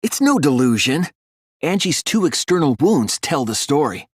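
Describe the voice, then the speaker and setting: The speaker is an earnest teen boy detective in English video game voice acting, troubled and insistent as he reasons out a murder case. His soft, breathy, medium-pitched voice is very animated, rising and falling expressively, and his deliberate, analytical explanations carry dramatic emphasis. The recording is dry.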